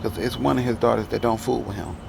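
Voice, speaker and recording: Speaking quickly in a gravelly, medium-pitched voice, a Detroit vlogger with a Detroit accent rambles heatedly through his opinions at the camera. Background noise can be heard.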